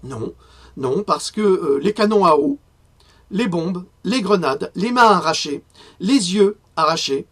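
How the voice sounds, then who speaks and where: A man giving a spoken press review, indignant and hesitant, often pausing on fillers before rising to outrage. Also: high voice. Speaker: independent press commentator.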